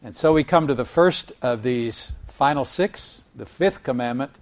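Man preaching a measured sermon. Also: mid-range voice. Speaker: pastor.

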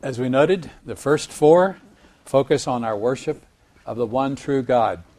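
A man preaching a sermon in a measured teaching tone. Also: mid-range voice, a little mellow. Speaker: pastor.

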